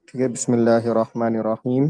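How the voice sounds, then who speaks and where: A man teaching a children's tajweed class, stretching each letter slowly and explaining patiently in with mixed in. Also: mid-range voice, level tone, warm tone, no echo. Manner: slow, drawn-out letter pronunciation with patient explanations. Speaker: Quran recitation teacher.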